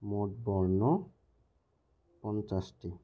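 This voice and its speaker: A man's voice: fairly low pitch, completely flat delivery, takes it slowly, lo-fi sound. A man teaching a recorded lesson, repeating key words and checking in with the viewer.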